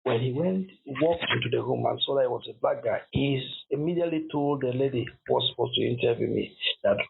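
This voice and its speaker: A man's voice: medium pitch, fast talker, vocal fry, a little hiss or hum. A middle-aged man from Cameroon, a university lecturer, telling his story in an interview with many restarts and fillers. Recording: tinny phone-like line.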